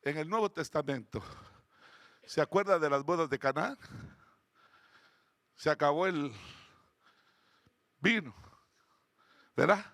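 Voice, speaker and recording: A man preaching a fiery sermon in a Guatemalan Spanish accent, often shouting and asking the congregation questions. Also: a little high, takes it slowly, pauses often, no echo, studio quality. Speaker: pastor.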